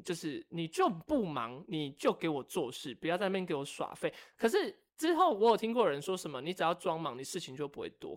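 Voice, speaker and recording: A young man, co-hosting a casual podcast and telling stories with wry, animated complaints. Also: fairly high pitch. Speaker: podcast co-host. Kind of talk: casual chat.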